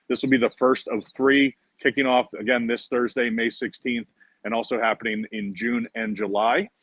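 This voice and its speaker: A man's voice: mid-range voice, flat delivery, normal speed, fairly bright tone, no echo. A man, director of a fishing conservation group, giving an upbeat promotional update with frequent "uh" fillers, recorded at a marina. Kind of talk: monthly video update. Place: outdoors at a marina.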